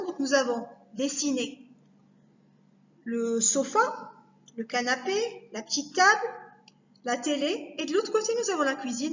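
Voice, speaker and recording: Woman, teacher, lesson for children, slow and deliberate, echoey room, dull lo-fi recording. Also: sits high, a little hiss or hum. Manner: slow, careful, repeats words to spell them out.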